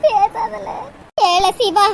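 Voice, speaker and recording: A woman's voice: very high voice, steady tone, very slow, gravelly, exaggerated voice. A woman voicing an anxious middle-aged mother in a cartoon, pleading and scolding her son. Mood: distraught. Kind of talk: cartoon voice acting. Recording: loud background noise.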